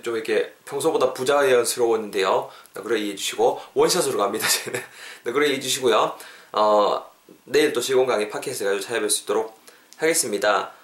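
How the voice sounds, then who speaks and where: A man teaching English phrases in a casual podcast lesson, lively and drilling each phrase over and over. Korean is his first language. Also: mid-range voice. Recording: roomy echo.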